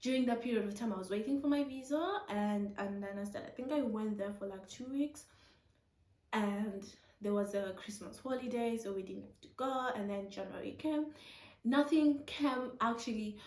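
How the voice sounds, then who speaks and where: A young woman with a fairly high voice tells her story casually. She is animated, laughs often and acts out conversations. The recording has a noticeable room echo. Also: moderate pace, distant mic. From Zimbabwe. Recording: echoey room.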